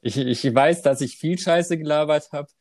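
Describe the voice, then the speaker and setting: A man's voice: fairly high pitch, moderate pace, darkish tone, dry recording, studio quality. A man with a light Rhineland German accent, chatting in a laid-back, joking way as a podcast co-host. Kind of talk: casual chat.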